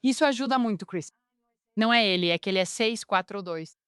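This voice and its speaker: A woman's voice: mid-range voice, fairly quick, clear, resonant tone, dry recording, studio quality. A woman teaching about personality types in a podcast conversation, explaining patiently and illustrating points with real cases. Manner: explanatory, tells cases with acted quotes. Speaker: Enneagram teacher.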